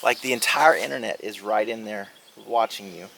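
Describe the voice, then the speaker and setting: A man's voice: lowish voice, moderate pace, creaky, bright, forceful tone. A man hosting a casual fishing vlog outdoors by a lake, joking and coaching in a folksy way. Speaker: fishing guide and channel host. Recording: outdoor recording with background noise.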